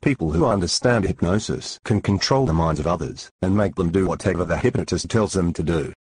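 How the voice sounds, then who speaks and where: A blunt male coworker butts in with confident claims, voiced by a synthetic man. His voice is very deep and husky, and the sound is dry. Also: a little fast, a little mellow, no room sound. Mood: assertive. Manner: blunt, assertive.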